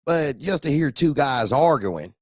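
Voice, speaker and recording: A man hosts a casual call-in talk show, swapping slangy trucking anecdotes and acting out bits of dialogue with animated quotes. His voice is a little high and a little slow, recorded with studio quality and no echo.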